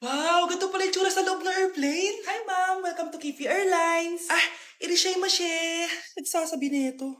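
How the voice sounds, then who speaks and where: A woman's voice: very high voice, normal speed, fairly bright tone, reverberant. A woman playing every part in short comedy skits, switching between a mother and her children. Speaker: comedy skit creator playing all parts. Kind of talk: comedic skit acting, many roles.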